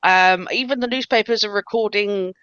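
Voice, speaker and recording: A woman narrating as game master in a tabletop game, halting, with lots of fillers and laughter. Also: medium pitch, a bit bright, clear, resonant tone, dry recording, dull audio.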